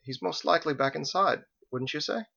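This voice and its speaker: In this audiobook, a courteous, mild swordsman speaks in a higher, gentle register, as the narrator puts him on. His manner stays polite and unhurried. The sound is slightly lo-fi. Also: vocal fry, exaggerated voice. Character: genteel, mild-mannered man with a broadsword.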